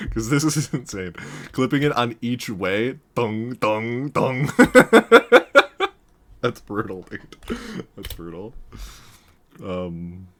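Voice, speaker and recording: A man with a deep, low voice talks through a game replay in a loose, rambling way. He restarts his sentences, laughs often and gets loud when something excites him. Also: slow pace, pauses often. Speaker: gaming commentator reviewing a match. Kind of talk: casual game analysis commentary.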